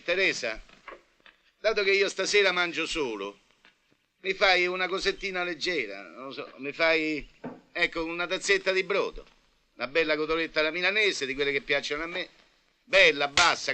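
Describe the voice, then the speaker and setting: Film comedy: a self-pitying middle-aged businessman, bright and lively, wheedling and plaintive. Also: fairly high pitch, slight background noise. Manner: plaintive, wheedling, then blustering. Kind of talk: 1980 film comedy acting.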